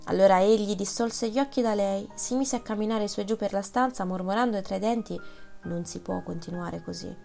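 Woman narrator, measured literary audiobook reading, mid-pitched. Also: dark tone, soft background music.

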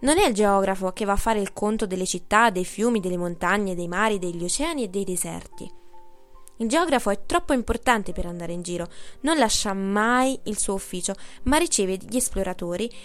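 A woman's voice: mid-range voice, lively intonation, moderate pace, soft background music, natural voice. A woman voicing a self-important old man, a geographer who lectures at length, in a read-aloud storybook. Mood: lecturing.

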